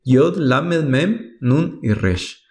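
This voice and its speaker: A man's voice: mid-range voice, animated, very slow. A man teaching Hebrew pronunciation rules, patiently reading each example word and then translating it.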